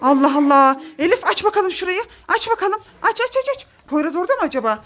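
A woman in her thirties, a mother leading a play game for her children at home, calling out excited, bossy commands. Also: very high-pitched, fast. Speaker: mother running a family game. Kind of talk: playful family vlog. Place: home, indoors.

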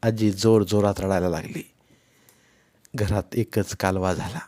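A man reading a novel aloud in the first person, expressive and voicing each character himself. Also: low-pitched, a little slow. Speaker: audiobook narrator.

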